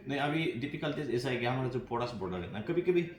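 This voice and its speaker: A man, a police officer giving earnest, halting answers in an interview. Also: medium pitch, lively intonation. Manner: earnest, halting, many restarts, mixes English phrases. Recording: echoey, crowd noise behind.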